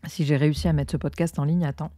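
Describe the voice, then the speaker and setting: This podcast host, a woman from the Cantal in Auvergne, talks fast while she crochets, rambling loosely with frequent fillers. Her voice sits low with fairly even intonation and a warm tone, recorded on her own close mic without echo.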